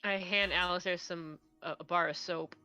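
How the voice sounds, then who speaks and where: Bright-voiced woman at a tabletop game. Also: lowish voice, fairly even intonation, moderate pace, clear, resonant tone, muffled recording, faint music behind. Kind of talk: casual in-character game chat.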